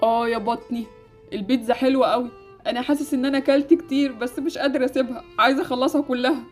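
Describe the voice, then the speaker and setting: A woman with an Egyptian accent voicing a young child who is stuffed full and still greedy for food, in an amateur animated game story. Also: high voice, rapid-fire, soft background music, natural voice. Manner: stuffed full, groaning contentedly over food.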